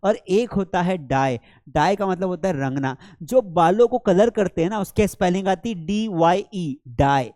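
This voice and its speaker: A man teaching English vocabulary in a lesson, calling students beta and reading English example sentences slowly. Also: high voice, lively intonation, a little mellow, dry recording, studio quality. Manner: calls listeners beta, slows right down for English example sentences. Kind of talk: classroom lesson explaining words.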